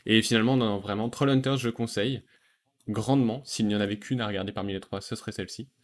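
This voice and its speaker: A man hosting a relaxed podcast conversation, talking enthusiastically about animated series with frequent fillers and restarts. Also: on the low side, quick pace. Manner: enthusiastic, hesitant with many fillers. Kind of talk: casual chat.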